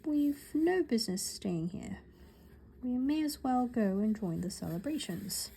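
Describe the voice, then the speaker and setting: A woman voicing a calm elderly male wizard headmaster in a British accent, in a soft, measured whispered role-play. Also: a little high, vocal fry, a little hiss or hum. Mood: calm, gentle.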